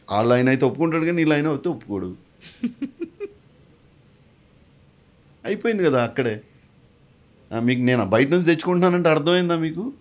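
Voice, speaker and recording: A man who works as a mimicry artist and actor, answering interview questions in a lively way and mixing English phrases into his talk. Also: a little high. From a village. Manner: animated, mixes English into his speech.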